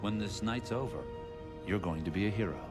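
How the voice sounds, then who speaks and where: Man playing a low-voiced, menacing military villain. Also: brisk, lightly acted. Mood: smug menace. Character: brooding villainous military general. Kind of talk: animated film voice acting. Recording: film audio under loud music.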